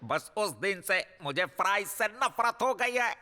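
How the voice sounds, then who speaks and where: Jumpy cartoon jailer, high voice, stammering, music behind. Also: male voice, lively intonation, unhurried, pushed and bright, heavily acted. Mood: recalling. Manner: stammering, fearful. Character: timid adult male prison warden, easily frightened. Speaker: voice actor. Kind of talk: Hindi cartoon dub.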